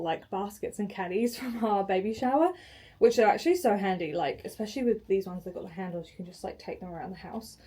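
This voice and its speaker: A woman's voice: mid-range voice, mellow, slight background noise. A young woman, chatting casually through a home vlog, bubbly and filled with "like". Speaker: vlogger. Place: at home indoors.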